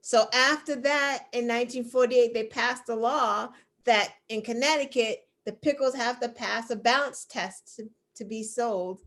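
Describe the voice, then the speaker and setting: A bright, somewhat high voice, unhurried and with few pauses, belongs to an American woman co-hosting an online news show. She runs a casual trivia segment as a playful quizmaster, laughing often.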